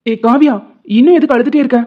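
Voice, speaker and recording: A woman's voice: high-pitched, steady tone, fast, close to an everyday voice. A woman voicing a stern middle-aged village-head husband who scolds and gives orders in a cartoon. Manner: scolding, commanding. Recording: tinny phone-like lo-fi sound.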